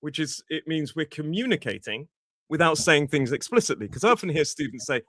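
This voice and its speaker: Speaking briskly and very animatedly, this man from Britain has a fairly high, slightly bright voice that moves around a lot. He's an English teacher explaining things in conversational podcast chat while dealing with a toothache. The recording is dry and close, free of any room sound.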